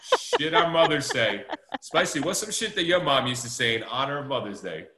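A man's voice: medium pitch, lively intonation, normal speed, a crowd in the background. A man hosting a podcast in casual chat, blunt and swearing freely while moving the segments along. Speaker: podcast host. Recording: echoey room with faint noise.

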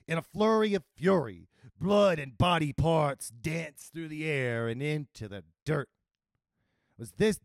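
A man narrating a comic fantasy tale with a playful, expressive delivery. His voice is fairly high, slow-paced and full of swings in pitch, recorded close and dry. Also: no room sound. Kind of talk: storytelling narration.

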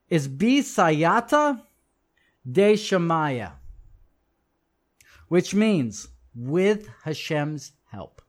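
A man teaching a class, reading from a book and commenting on it in an emphatic way, repeating phrases for stress and speaking straight to his listeners. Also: fairly high pitch. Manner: addresses listeners directly. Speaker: religious teacher.

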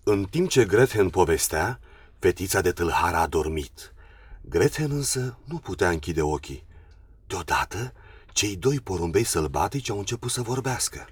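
A man with a very deep voice narrates a fairy tale at a measured pace. He sounds set back from the mic, and noise runs under the recording. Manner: measured, even storytelling. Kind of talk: scripted storybook narration. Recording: distant, noisy recording.

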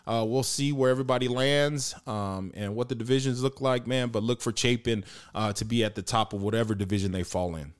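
A man co-hosting a casual sports podcast, talking with many hesitations and getting excited and slangy. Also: mid-range voice, fairly quick, hardly any pauses, clear, resonant tone. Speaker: podcast co-host.

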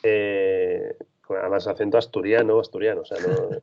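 A freelance basketball reporter answers interview questions in a low, gravelly, slightly mellow voice with little pitch movement at normal speed. He's thoughtful but rambles and restarts often. The recording is dull and lo-fi.

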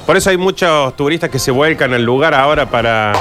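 A man's voice: a little high, animated, fairly quick, music in the background. A man as radio co-host, teasing and playful in comic banter.

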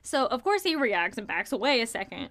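A young woman co-hosts a casual podcast, her voice a touch high. She tells a spooky story in an animated, rambling way, full of "like" and restarts. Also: brisk. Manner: animated, filler-heavy retelling of a ghost hunt. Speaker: podcast co-host.

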